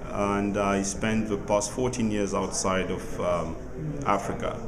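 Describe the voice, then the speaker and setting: A man from Côte d'Ivoire giving a solemn, inspirational testimonial in measured, rhetorical phrases. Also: lowish voice, steady tone. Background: crowd chatter.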